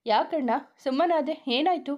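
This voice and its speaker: A woman's voice: sits high, normal speed, darkish tone, lo-fi sound, pitched above the performer's own voice, natural voice. A woman voicing a cheeky, playful young woman who teases her elder brother. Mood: coaxing. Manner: playful and mischievous.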